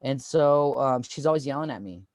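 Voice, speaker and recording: A man's voice: mid-range voice, lively intonation, moderate pace, dry recording, studio quality. A man in his thirties doing a stand-up comedy set, rambling and self-deprecating with lots of fillers.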